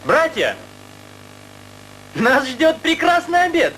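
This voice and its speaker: An actor playing a wry, teasing young brother in a theatrical comedy film. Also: male voice, very high-pitched, wildly swooping pitch, slow pace, background noise, full character voice. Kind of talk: theatrical comic film acting.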